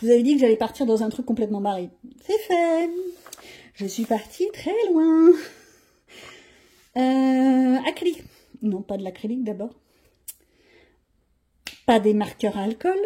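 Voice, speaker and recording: Chatty female crafts host: grumbly, self-deprecating, a warm husky voice. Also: a little high, animated, measured pace, long pauses. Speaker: coloring channel host. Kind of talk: casual chat showing her coloring pages.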